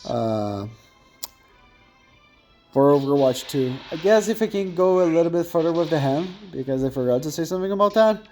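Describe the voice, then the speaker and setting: Soft music plays as a young man with a thin voice commentates on his gameplay, chatting and rambling and frequently correcting himself mid-sentence. His voice is fairly high, mellow and expressive, at a moderate pace.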